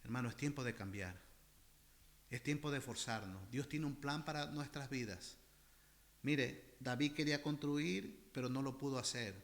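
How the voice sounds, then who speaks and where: A man's voice: mid-range voice, moderate pace. A man preaching a sermon as pastor, impassioned, often calling his listeners brothers and repeating phrases for emphasis. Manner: repeats phrases for emphasis, swinging between loud and soft.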